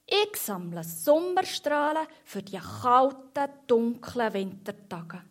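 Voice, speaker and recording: Woman reading a calm, dreamy little mouse poet for a storybook, gentle lilt, slow and raised. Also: a little high, exaggerated voice.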